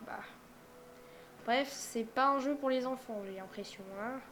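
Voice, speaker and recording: Young woman, reaction commentary, higher voice, faint hiss behind, muses and whispers asides. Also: unhurried, a bit bright. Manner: musing aloud, many fillers, drops to whispers. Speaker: streamer reacting to a game showcase. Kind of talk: casual live reaction commentary.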